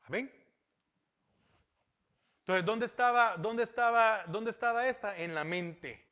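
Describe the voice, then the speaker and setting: Bright high-voiced male pastor preaching. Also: a little slow. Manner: asks rhetorical questions and repeats key phrases. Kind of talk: Bible-teaching sermon. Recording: dull lo-fi sound.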